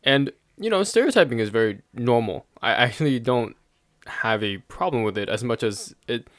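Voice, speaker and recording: Medium-pitched, animated and a bit bright, this young American vlogger talks at a moderate pace. The dry, studio-quality recording captures his rambling, casual opinion monologue, full of thinking aloud and frequent mid-sentence chuckles.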